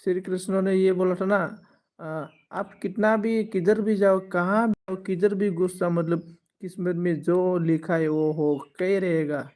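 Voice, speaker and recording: A man's voice: high-pitched, steady tone, unhurried, a little mellow. A man in his twenties hosting a live stream, casually thanking viewers by name and consoling them. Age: 20s. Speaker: livestream host.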